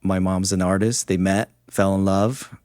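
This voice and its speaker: Middle-aged male guest from Costa Rica, Spanish-native, low-ish voice, easygoing storyteller, dry sound. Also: normal speed, no echo. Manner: relaxed, friendly storytelling. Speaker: guest orthodontist. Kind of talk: casual interview chat.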